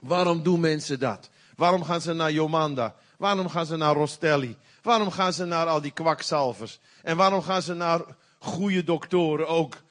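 A middle-aged man preaches a sermon with a slightly raised voice. He talks in a folksy, conversational way, then bursts out loud on key points. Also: a little high, moderate pace. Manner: animated, folksy preaching with sudden loud outbursts.

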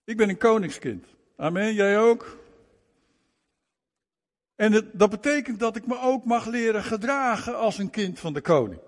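High-voiced man preaching in a reverberant hall. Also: animated, a little slow, long pauses. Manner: emphatic, repeats words and phrases for stress. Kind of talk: sermon.

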